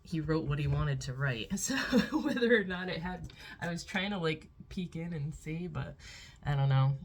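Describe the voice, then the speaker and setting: Low-voiced chatty woman vlogging at home. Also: animated, normal speed, a little hiss or hum. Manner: rambling, chatty, with filler words and laughs. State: out of breath. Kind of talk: casual vlog chat. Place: at home indoors.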